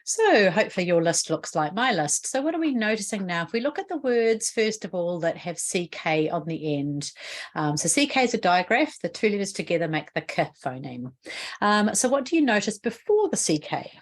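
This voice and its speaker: A woman's voice: mid-range voice, big pitch swings, moderate pace. A woman with a New Zealand accent explaining a spelling rule in an instructional video lesson, patient and explanatory, often asking the viewer questions. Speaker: literacy educator.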